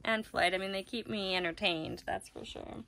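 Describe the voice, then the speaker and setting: A family vlogger in her thirties, a mom, jokes about herself while casually telling a handheld camera about her day of chores. She has a medium pitch and steady tone, speaking at a moderate pace with a bright, forceful delivery. The rough recording, made at arm's length, carries clear background noise.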